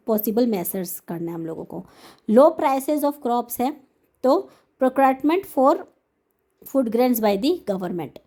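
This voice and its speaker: A woman teaching an exam-prep lesson, her voice mellow and a little high. She talks very slowly and deliberately, reading each English question aloud, then explaining it in Hindi mixed with English. She keeps checking in with her students. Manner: checks in with "है ना?" and "okay".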